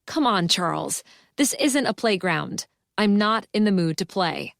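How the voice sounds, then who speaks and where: A woman narrator plays an exasperated woman amateur sleuth in a cozy mystery audiobook. She scolds emphatically in a medium-pitched voice with a dry, close studio sound. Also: animated, measured pace, vocal fry, dry recording.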